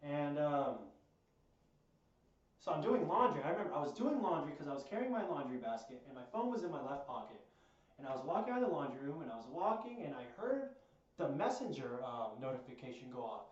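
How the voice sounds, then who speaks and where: A man telling a personal story in a rambling, animated way, swearing at times. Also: a little high, a little fast, heavy reverb, recorded from a distance, dull audio. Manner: rambling, animated, swears, acts out quoted voices. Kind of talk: casual storytelling.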